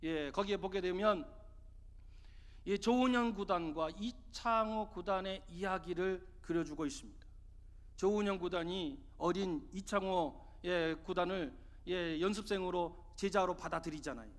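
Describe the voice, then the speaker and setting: In a church sanctuary filled with long reverb, a pastor with a high voice preaches without hurrying, pressing his points by posing rhetorical questions to the congregation.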